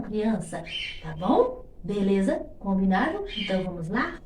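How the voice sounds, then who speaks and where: A woman's voice: on the high side, warm tone. A woman with a Brazilian accent giving a coaxing devotional talk to children, often checking in with little questions. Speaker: children's Sunday school teacher. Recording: roomy, distant microphone, faint noise.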